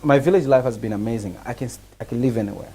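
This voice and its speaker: A man's voice: mid-range voice, racing, mellow, husky, faint music behind. A young man, answering casually and earnestly in a studio interview. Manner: earnest, many restarts, laughs easily. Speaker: guest.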